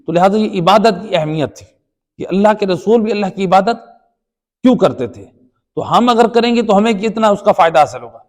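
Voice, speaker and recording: This high, lively voice belongs to a man with a Pakistani Urdu accent who is giving a religious lecture on the Quran. He explains through repetition and rhetorical questions, heard in a hall with long reverb.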